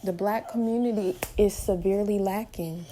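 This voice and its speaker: A young woman in her twenties speaks straight to her viewers from home, driving each point hard and firing off rhetorical questions. Her voice sits at a middling pitch with a warm, mellow tone. A faint hum of noise lies under her talk. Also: fairly even intonation, moderate pace. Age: 20s. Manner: impassioned, emphatic, rhetorical questions. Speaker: vlogger. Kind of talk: opinionated direct-to-camera monologue.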